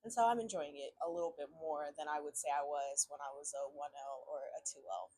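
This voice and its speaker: A woman's voice: sits low, quick pace, warm tone, a little hiss or hum. A young woman from Houston, a law student answering interview questions candidly, a little weary. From Houston, Texas. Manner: candid, a bit weary, laughing.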